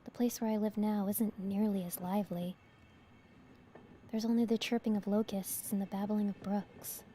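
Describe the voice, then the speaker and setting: A woman from New York giving soft, hushed voice to the narrator of a horror visual novel, as a whispered role-play. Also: mid-range voice, fairly even intonation, moderate pace, slight background noise, lightly acted.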